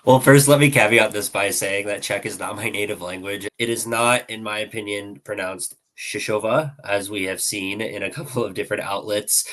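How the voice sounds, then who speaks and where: A man with a fairly low, steady, slightly bright voice speaks at a moderate pace with few pauses. Appearing as a podcast guest over a video call, he offers earnest hockey analysis and frequently hedges with "I think."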